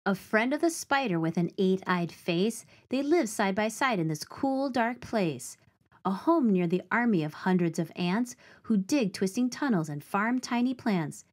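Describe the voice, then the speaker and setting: A woman reads to children from a picture book full of rhymes and nature facts, taking an unhurried pace. She uses a mid-range voice and expressive, clearly phrased delivery.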